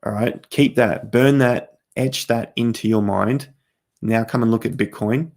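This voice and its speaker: A man hosting a casual crypto livestream, talking straight to viewers as he walks through charts, his voice going hoarse with coughs. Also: mid-range voice, measured pace, a little mellow. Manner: chatty, talks straight to viewers while walking through charts. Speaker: crypto market host.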